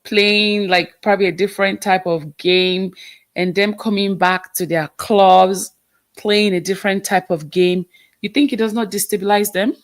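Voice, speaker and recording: A co-host speaks in a relaxed football review, asking pointed questions and filling in with quick nods of agreement. The voice is mid-pitched and close, with a dry sound. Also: no room sound. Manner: asks questions, short agreeing replies. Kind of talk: casual match-review chat.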